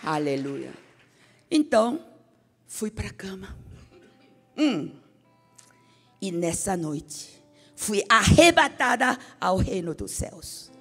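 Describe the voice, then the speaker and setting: A woman preaching an emotional testimony sermon, dramatic, moving from hushed whispers to fervent exclamations. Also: mid-range voice, sing-song, takes it slowly, long pauses, breathy edge, a faint crowd. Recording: reverberant hall with soft music.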